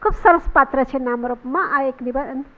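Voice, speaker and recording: A woman's voice: high voice, fairly quick. A woman host introducing the next speaker in a polite, formal manner. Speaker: event host. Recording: thin phone-like sound.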